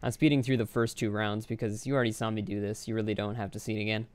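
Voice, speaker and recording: A man's voice: fairly low pitch, level tone, racing, darkish tone, smooth, dry recording. A young man giving rambling, offhand, casual commentary over his own gameplay. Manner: rambling, offhand, self-deprecating. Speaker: Let's Play commentator.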